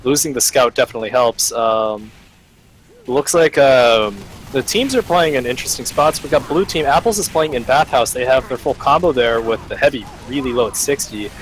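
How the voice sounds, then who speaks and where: A male esports caster breaking down a live match, thoughtful and halting, with plenty of "uh" between phrases. His voice sits at an ordinary middle pitch, with faint noise in the background. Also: rough recording. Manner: analytical, hesitant, many fillers. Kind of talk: live play-by-play commentary.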